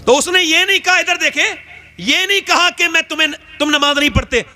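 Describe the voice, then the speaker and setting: High-pitched animated male preacher. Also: fairly quick. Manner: animated storyteller, pitch swinging widely. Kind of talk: religious storytelling talk.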